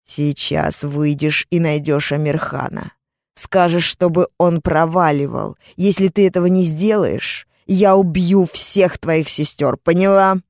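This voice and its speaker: A woman's voice: deep voice, steady tone, gravelly, darkish tone, dry recording, studio quality. A woman voicing a menacing, brutal kidnapper. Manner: slow, menacing, snarling threats. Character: brutal armed male kidnapper, cruel and vicious.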